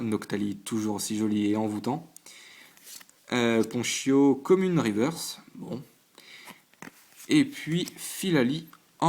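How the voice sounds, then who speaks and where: Brief: man, mid-pitched, casual host at a home desk, hesitant and stumbling, lists things with quick verdicts. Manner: stumbling, hesitant, full of fillers and restarts; chatty, listing items one by one with quick reactions. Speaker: channel host opening trading card packs. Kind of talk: casual on-camera commentary. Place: at home at a desk under a lamp.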